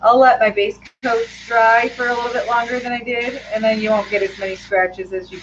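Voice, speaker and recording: A woman hosting a live painting tutorial, thinking aloud in a relaxed, chatty way with frequent ums and answering viewer questions. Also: fairly high pitch, a little fast, lo-fi sound, noisy background. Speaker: custom lure painter hosting a live stream.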